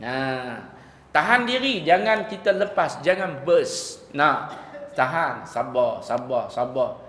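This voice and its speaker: A man's voice: mid-range voice, expressive, takes it slowly. A male preacher with a Malaysian accent giving a religious lecture, asking rhetorical questions and chanting Arabic quotations. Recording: reverberant hall over loudspeakers.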